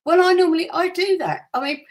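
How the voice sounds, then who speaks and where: A woman's voice: very high-pitched, a little fast. A woman guest chatting casually, telling stories expressively. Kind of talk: casual chat.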